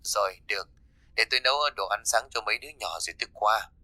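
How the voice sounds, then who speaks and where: A man voicing a woman friend answering a phone call quietly and plainly. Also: lowish voice, quick pace, no echo. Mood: calm.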